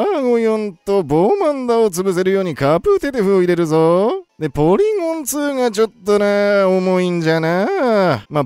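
A game streamer excitedly calls competitive battle moves play by play, reasoning through every decision out loud in a playful old-man manner of speech. His mid-range voice is smooth, and there's no echo.

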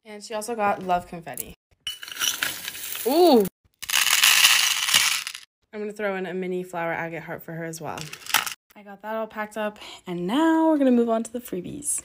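A woman's voice: mid-range voice, lively intonation, fast talker, heavy background noise. A young woman who runs a small shop, chatting casually and upbeat as she lists items one by one while packing orders. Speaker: crystal shop owner.

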